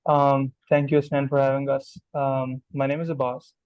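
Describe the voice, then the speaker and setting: A man's voice: mid-range voice, smooth, no room sound, dull audio. A young man in his twenties with a Pakistani accent, a guest doctor talking casually and slipping Urdu phrases into his English. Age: 20s. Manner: mixes Urdu phrases into English, steady and measured. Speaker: guest, newly matched doctor. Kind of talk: casual conversational answers.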